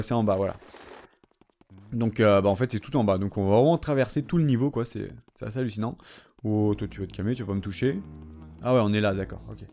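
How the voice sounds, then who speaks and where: A man's voice: mid-range voice, darkish tone. A young man giving casual gameplay commentary, chatting to the characters on screen and swearing in jest. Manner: chatty, talks back to game characters, swears jokingly. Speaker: let's play gamer.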